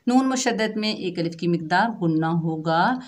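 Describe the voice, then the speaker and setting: A woman's voice: fairly low pitch, expressive, moderate pace. A woman with an Urdu accent teaching Quran recitation online, explaining each rule step by step and modelling sounds for students to repeat.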